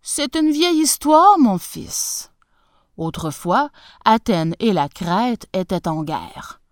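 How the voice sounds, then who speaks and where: A woman's voice: mid-range voice, big pitch swings, slow, no room sound, clean studio sound. A woman voicing a grave, sorrowful old king speaking to his son, solemn and weighty.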